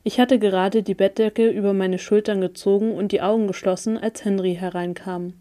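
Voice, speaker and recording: A woman narrating a first-person story in an even, calm reading voice. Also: mid-range voice, moderate pace. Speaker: audiobook reader.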